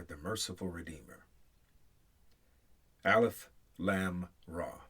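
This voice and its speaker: With a husky, fairly low-pitched voice, a man reads scripture aloud in English. His manner is solemn and measured, and his deliberate phrases lead with emphasis and then drop off.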